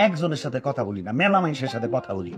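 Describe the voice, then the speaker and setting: An actor playing a scheming husband who takes a second wife, talking in a lively dialect-heavy way. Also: male voice, medium pitch, over music, natural voice. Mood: scolding. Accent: Bangladeshi Bangla dialect. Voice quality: animated, lively, fast talker. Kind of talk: comic TV drama.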